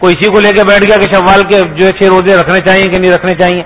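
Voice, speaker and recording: A man's voice: sits high, level tone, fairly bright tone, rough recording. A man giving a sermon, explaining patiently and asking his listeners rhetorical questions. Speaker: Islamic preacher.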